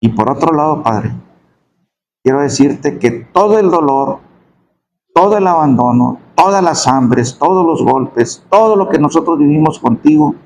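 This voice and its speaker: Guy preaching his testimony, emotional storytelling, goes low and slow on the sad parts. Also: animated, a little mellow, slight background noise, low-quality recording. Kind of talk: sermon testimony.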